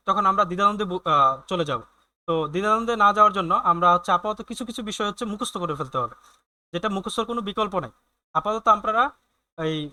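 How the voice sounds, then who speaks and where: A man's voice: high-pitched, bright, forceful tone. A man teaching a German lesson online, explaining letter sounds patiently with many hesitant fillers and restarts.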